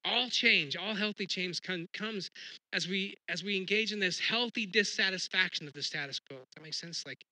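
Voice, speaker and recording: Bright, conversational male pastor preaching. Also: high-pitched, moderate pace, no room sound, poor audio. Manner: conversational, self-deprecating, lots of restarts. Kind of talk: sermon.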